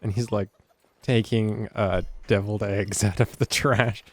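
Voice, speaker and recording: A man narrating a tabletop role-playing game as game master, playful and quick to laugh. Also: lowish voice, steady tone, no room sound.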